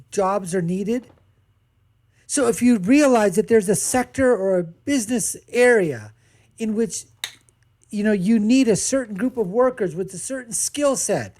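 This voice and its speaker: Forceful rhetorical debater, mid-pitched. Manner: forceful, rhetorical, acts out examples. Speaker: panelist. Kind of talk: live panel debate.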